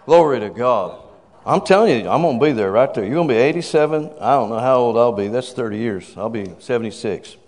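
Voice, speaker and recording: An expressive, medium-pitched man in his fifties preaches fairly quickly, exuberantly shouting "woo" and calling out praise. The sermon involves a congregant and rings out in a reverberant hall.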